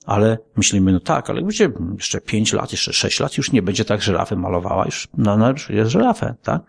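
A man's voice: on the low side, big pitch swings, normal speed, creaky, slightly rough. A male pastor preaching a sermon in a conversational style, with frequent rhetorical questions. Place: church.

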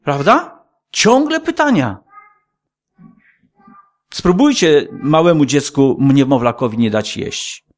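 A man's voice: medium pitch, big pitch swings, measured pace. A male pastor preaching a sermon in a conversational style, with frequent rhetorical questions. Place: church.

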